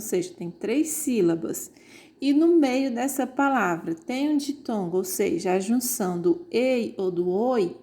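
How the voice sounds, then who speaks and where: A woman teaching an online grammar lesson, explaining slowly and pointing out examples on screen. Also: medium pitch, a little mellow.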